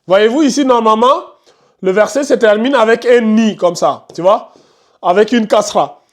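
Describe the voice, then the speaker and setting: This Quran recitation teacher, a man with a high voice and moderate pace, runs a classroom tajwid lesson. He explains with patience and plenty of repetition, asks the class questions, and firmly hushes students who chatter.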